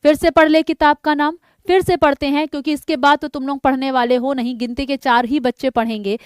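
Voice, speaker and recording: A woman with a high voice teaches a live exam-prep class. She talks in a chatty way and drills the answers over and over. The sound is dry and close, with no room echo. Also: steady tone, fairly quick. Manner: drills answers by repeating them, reads out student names; chatty, jokes about names.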